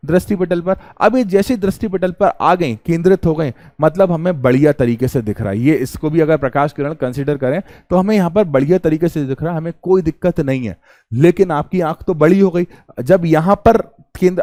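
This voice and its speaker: A young man teaches a class in a calm, unhurried, chatty way, often posing a question and then answering it himself. His voice sits fairly high but has a mellow tone. The sound is dry and close. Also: no room sound. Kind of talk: classroom lecture.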